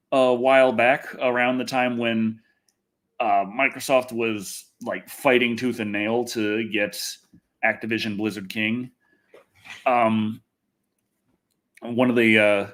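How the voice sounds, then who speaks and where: This is a man's medium-pitched, somewhat bright voice as he hosts a laid-back livestream. He rambles loosely to his viewers and swears now and then.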